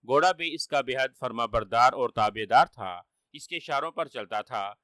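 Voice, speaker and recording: A man narrating a children's story in a steady, expressive way. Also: medium pitch, dry recording.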